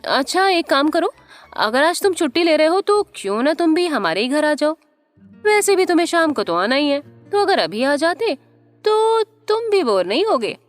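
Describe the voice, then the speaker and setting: Woman doing a cheerful chatty young woman in a story, high and bouncy. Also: big pitch swings, moderate pace, no room sound, soft background music. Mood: friendly. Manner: bright and chatty, raised pitch.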